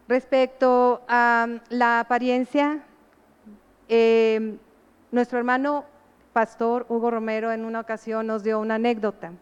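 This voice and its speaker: Woman preacher, higher pitch, smooth and clear, earnest sermon delivery, echoey hall on a dull lo-fi recording. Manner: earnest, asks the congregation rhetorical questions.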